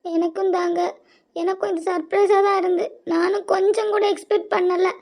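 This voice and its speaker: A performer voicing an emotional, tearful young wife in a cartoon, with a southern Tamil Nadu accent, speaking in breathy, halting repeats. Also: extremely high pitch, little pitch movement, darkish tone. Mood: happy. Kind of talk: cartoon voice acting.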